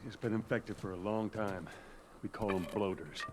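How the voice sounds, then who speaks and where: A man playing a gruff weary survivor. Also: fairly low pitch, steady tone, moderate pace, lightly acted. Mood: grim. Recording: noisy game audio.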